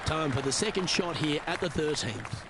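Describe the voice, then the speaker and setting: A man playing a composed, encouraging golf commentator in a video game, calling play in measured, clipped phrases. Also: a little high, expressive, close to an everyday voice. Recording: outdoor crowd and ambient noise behind.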